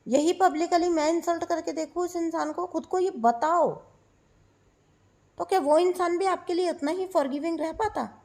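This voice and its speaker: A woman with a high, light voice delivers a spiritual advice monologue. She is insistent and repeats herself for emphasis, with English phrases mixed into her talk. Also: moderate pace, darkish tone. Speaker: spiritual channel host.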